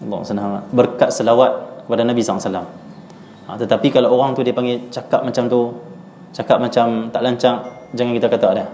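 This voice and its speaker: A man's voice: medium pitch, slight background noise. A man giving a lecture in a mosque, telling stories and acting out the voices of the people in them. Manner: animated storytelling, acts out quoted voices. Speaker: religious teacher. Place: mosque hall. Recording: echoey, muffled mosque recording.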